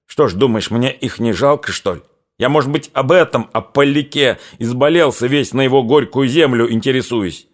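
A man's voice: mid-range voice, normal speed, voice pushed up, natural voice. Guy reading an earnest rustic cossack, folksy talk, impassioned, audiobook. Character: Cossack soldier Lagutin, earnest, pleading, rustic.

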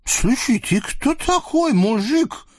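Khalil, a shrill gleeful sultan. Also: male voice, lively intonation, no room sound, clean studio sound, full character voice. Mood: indignant, delighted. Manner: shrill wheedling exclamations with drawn-out "eh". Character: greedy, childish male sultan, gleeful and fickle.

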